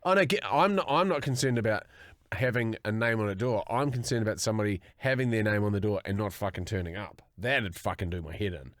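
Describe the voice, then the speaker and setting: A man's voice: fairly low pitch, fast, no echo, studio quality. A man with a broad New Zealand accent bantering casually as a podcast co-host, slangy, sweary and joking.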